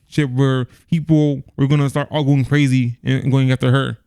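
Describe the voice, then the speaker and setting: A man's voice: medium pitch, little pitch movement, normal speed, warm tone, clean tone, no echo, clean studio sound. A man co-hosting a casual movie podcast who often stammers, repeats words and chimes in with agreement. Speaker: podcast co-host.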